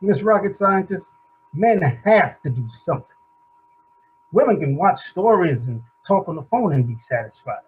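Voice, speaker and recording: A man's voice: sits high, lively intonation, normal speed, slightly rough, narrow, tinny audio, heavily acted. An actor playing Howard, a crude, blustering middle-aged man, in a stage play reading. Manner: brash, loud, crude.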